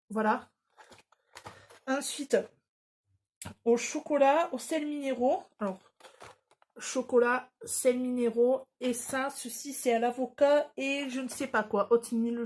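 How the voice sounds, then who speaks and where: A woman's voice: a little high, a little mellow, slight background noise. A woman vlogger chatting casually through a shopping haul, hesitant, with lots of fillers and self-corrections, joking about her poor English. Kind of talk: casual haul video chat.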